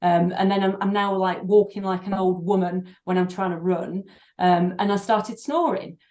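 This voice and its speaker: In an echoey room, a middle-aged doctor and breathing therapist answers podcast interview questions. Her mid-range voice is steady and a touch mellow, while her thoughtful delivery stumbles with frequent fillers and restarts.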